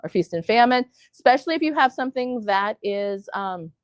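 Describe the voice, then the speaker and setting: A woman's voice: fairly high pitch, lively intonation, brisk, no echo. A middle-aged woman from the United States giving a live workshop talk in a classroom, telling stories, quoting people in put-on voices and asking the audience questions. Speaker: workshop presenter.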